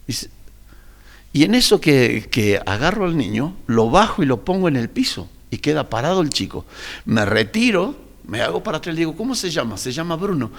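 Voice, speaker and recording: A man's voice: fairly high pitch, moderate pace, vocal fry. A man with an Argentine accent, a pastor, telling personal stories in an interview and acting out the dialogue. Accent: Argentine Spanish. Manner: animated storyteller, acts out dialogue. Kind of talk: interview storytelling.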